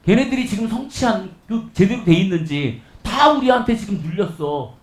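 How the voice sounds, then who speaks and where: A haughty Assyrian king sneers at his rival in a mocking, offhand way, as a male preacher puts him on mid-sermon. His voice is high and swings widely in pitch. It rings through an echoey church hall. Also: lively intonation, moderate pace. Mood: taunting. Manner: mocking, condescending, casual speech.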